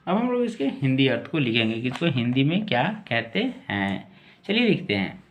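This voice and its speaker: A man teaching English words in a slow lesson, spelling each word out letter by letter and repeating it. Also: mid-range voice, sing-song, slight background noise.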